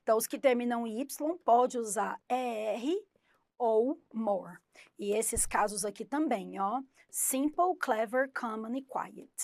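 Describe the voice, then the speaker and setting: A woman's voice: fairly high pitch, no echo, studio quality. A Brazilian woman teaching an English grammar lesson, explaining step by step and voicing her students' questions herself.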